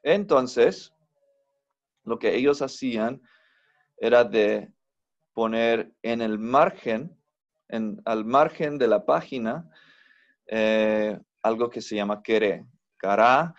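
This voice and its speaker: A man lecturing in an online language class, unhurried and patient, pausing often with fillers and correcting himself mid-sentence. His voice sits at a middling pitch, and the recording sounds slightly dull and lo-fi. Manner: slow, patient explaining with many fillers and self-corrections. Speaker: Biblical Hebrew teacher.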